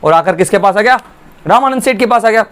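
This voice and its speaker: A male teacher explaining a story to his class, animated, asking and answering his own questions. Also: high-pitched, fast.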